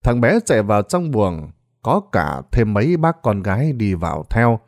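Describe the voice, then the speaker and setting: A man's voice: lowish voice, big pitch swings, moderate pace, darkish tone. Man narrating a ghost story dramatically. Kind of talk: scripted narration.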